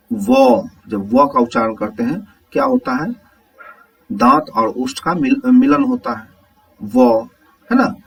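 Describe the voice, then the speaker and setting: A man teaching a Hindi grammar lesson, explaining slowly step by step and asking the viewers whether it is clear. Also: medium pitch, recorded from a distance, rough recording.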